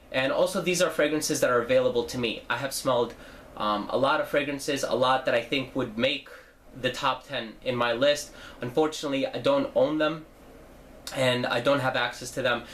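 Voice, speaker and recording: This New Jersey guy is young and congested with a cold as he chats through a laid-back fragrance review, full of fillers and self-corrections. The voice sits in the mid range, slightly bright, over some light background noise.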